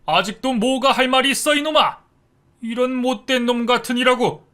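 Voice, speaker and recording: A man voicing an angry, strict father who shouts as he scolds his young son in a narrated story. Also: mid-range voice, moderate pace, pitched above the performer's own voice, close to an everyday voice. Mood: furious.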